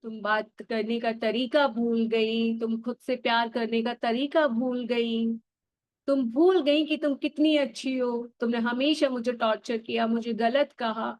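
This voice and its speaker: A woman's voice: high voice, normal speed, dry recording, lightly acted. A woman voicing a hurt, reproachful little girl, the inner child, who pours out complaints. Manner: scolding, pleading complaints.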